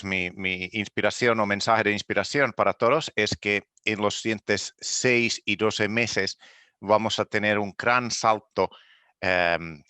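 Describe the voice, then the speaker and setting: Speaking in a later-learned language, a keynote speaker from Finland presents at a conference with a slightly low but bright voice. Filler pauses and restarted phrases mark his delivery, captured in a smooth, close, dry recording.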